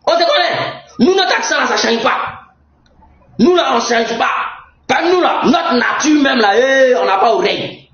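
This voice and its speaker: A young man with an Ivorian French accent giving a heated political rant, mocking and often shouting and laughing. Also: very high voice, animated, normal speed, slight background noise. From Côte d'Ivoire. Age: young adult. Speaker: political commentator. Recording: roomy, dull lo-fi sound.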